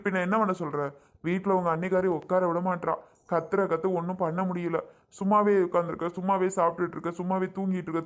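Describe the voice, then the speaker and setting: A high-voiced man acting out a down-on-his-luck family man in a short drama skit. He talks in a pleading, complaining way, as if pouring out his troubles.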